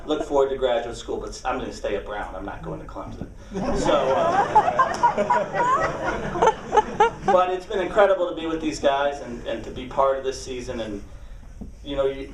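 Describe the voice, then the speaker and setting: A man speaking as a coach at a banquet, giving an informal, off-the-cuff speech in a halting way. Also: medium pitch. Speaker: college soccer coach. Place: large banquet room, speaking to a gathering. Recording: roomy echo, distant microphone.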